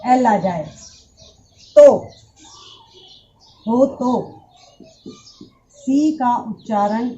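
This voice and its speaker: A woman's voice: fairly high pitch, expressive, drawn-out words, pauses often, warm tone, muffled recording. A woman teaching English pronunciation, patiently addressing her students and repeating each word. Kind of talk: classroom lesson explaining pronunciation.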